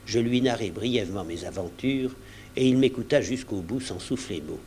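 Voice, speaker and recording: A man narrating an audiobook in a measured storytelling manner. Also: mid-range voice, darkish tone, slight background noise. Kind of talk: audiobook reading.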